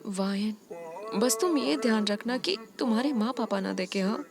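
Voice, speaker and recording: Woman doing a gentle protective young man. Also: on the high side, normal speed, creaky, a crowd in the background. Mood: soothing. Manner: soothing, reassuring. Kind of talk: dramatic storytelling.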